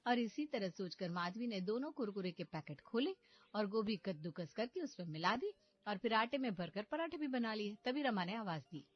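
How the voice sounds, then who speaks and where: A woman narrating a cartoon story in a calm, even storybook manner. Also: medium pitch, normal speed. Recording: slightly dull audio with background music.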